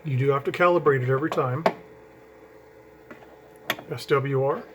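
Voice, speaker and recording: This is a casual, rambling how-to video in which a man who's into CB radio explains his setup hands-on, restarting now and then as he handles the gear. He speaks at medium pitch and normal speed into a camera mic, with slight background noise.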